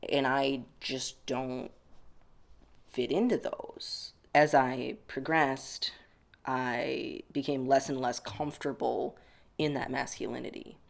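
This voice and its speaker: Slow and gravelly, with a steady tone at medium pitch, a young man from the United States works through interview questions. His answers are reflective and casual, peppered with "like."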